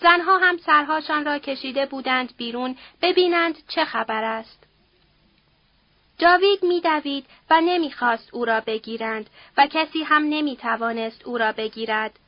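A woman reading a novel aloud as an audiobook narrator, in a steady, measured way. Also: high voice, no room sound, highs cut off.

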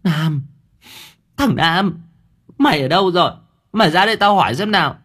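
A sharp-tongued middle-aged landlady, put on by a man, her voice pushed high and a bit husky. She scolds bluntly and crudely, her pitch leaping all over. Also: lively intonation, moderate pace, heavily acted. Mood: scolding.

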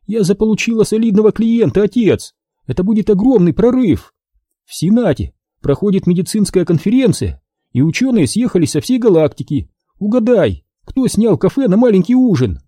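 A man voicing a lively, bossy young woman who runs a café, emphatic and exasperated, in an audiobook. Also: high voice, normal speed, husky, dry recording, clean studio sound, pitched above the performer's own voice, exaggerated voice. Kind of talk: audiobook character voice.

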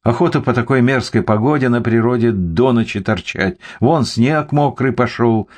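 A man's voice: mid-range voice, moderate pace, darkish tone, pitched above the performer's own voice, natural voice. A man voicing a terse police investigator who speaks in curt, clipped, grumbling phrases in an audiobook. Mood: curt, stern.

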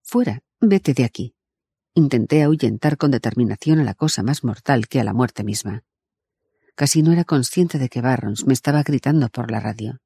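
Husky, dark-voiced male audiobook narrator. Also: mid-range voice, a little fast, dry recording, clean studio sound.

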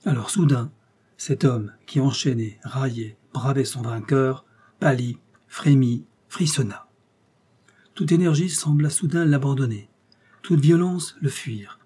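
A man narrating a serialized crime novel as an audiobook, with measured, dramatic reading. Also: medium pitch, warm tone, breathy edge.

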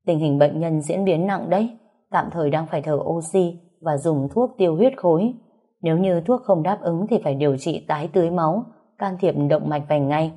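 A woman reader voicing a male doctor who explains things in a measured, matter-of-fact way. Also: deep voice, dark tone, slightly rough. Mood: serious. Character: calm, clinical male doctor.

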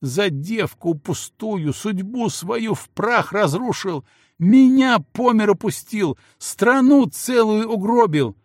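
A man's voice: slow, gravelly, slightly rough, dry recording, clean studio sound, exaggerated voice. A man voicing a furious jealous princess who screams insults at her husband. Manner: screaming insults, shrill and frantic. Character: furious jealous young princess, shrieking wife.

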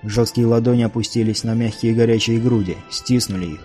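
A man's voice: medium pitch, fairly even intonation, fairly quick, darkish tone, faint music behind. Man reading a fantasy audiobook. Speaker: audiobook reader. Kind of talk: scripted fantasy narration.

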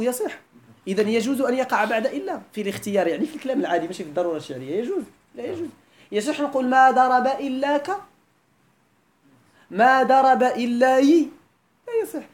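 A woman's voice: mid-range voice, darkish tone. A woman with a Moroccan Arabic accent teaching a classroom grammar lesson, often quizzing her students with questions.

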